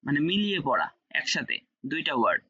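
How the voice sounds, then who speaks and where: A man's voice: fairly high pitch, very animated, fast talker, sharp tone, husky, highs cut off. A man teaching an online class, explaining step by step, repeating key words and checking that students follow. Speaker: French teacher.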